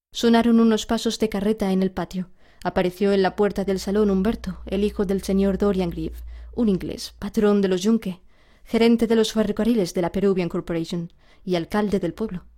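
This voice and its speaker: A woman narrating a storybook aloud in a steady, even storytelling manner. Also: mid-range voice.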